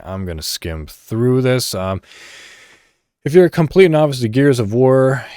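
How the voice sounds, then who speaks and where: With a somewhat low, slightly mellow voice, a man hosts his solo podcast casually and conversationally, rambling a little and reading articles aloud. Studio-quality audio, no room sound.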